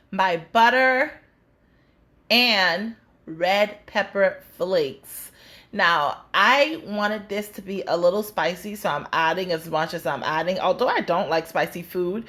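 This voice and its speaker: A woman's voice: medium pitch, fairly bright tone. A woman from the Bahamas hosting a cooking show, chatting through each step of a recipe and calling her viewers "guys".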